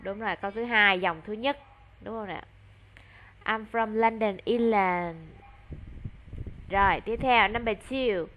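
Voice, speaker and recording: A woman with a Vietnamese accent tutoring a child in English online, encouraging and slowing down to model English words clearly. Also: mid-range voice, lo-fi sound, a little hiss or hum.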